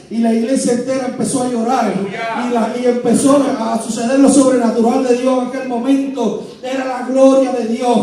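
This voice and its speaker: Man, emotional church testimony, animated storyteller; high, mellow voice; far mic in an echoey hall. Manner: animated storytelling, chuckling, dramatic sound effects. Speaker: church member giving testimony. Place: church sanctuary.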